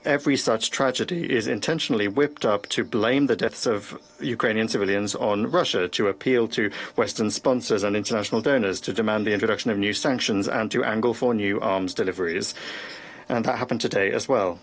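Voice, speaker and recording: A man speaking as an interpreter, giving a translation voice-over of a formal speech in a measured way with occasional hesitations. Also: on the low side.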